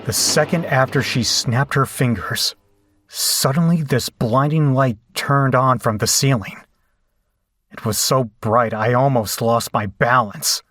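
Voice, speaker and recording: In a horror audio drama, a man plays a brash, rattled young rocker, narrating in first person with shaken, colloquial, incredulous and foul-mouthed lines. His voice is medium-pitched and fairly bright at a measured pace, in a dry recording.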